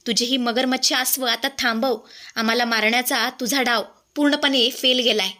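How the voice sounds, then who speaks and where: A woman's voice: fairly high pitch, steady tone, moderate pace, bright, forceful tone. A woman voicing a bold young husband who gives urgent, stern commands.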